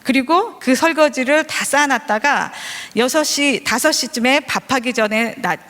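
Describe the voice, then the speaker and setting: High-voiced woman preaching in a hall. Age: 40s. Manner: lively, joking with the congregation. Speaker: preacher, vice principal. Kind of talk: sermon with humorous storytelling. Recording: long hall reverb.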